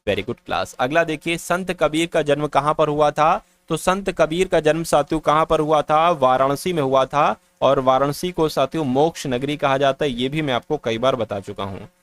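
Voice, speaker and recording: Man teaching with a smooth, higher voice. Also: moderate pace, few pauses, fairly bright tone. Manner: explains answers step by step, often addressing "friends". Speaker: exam coaching teacher. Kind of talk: quiz-style lesson.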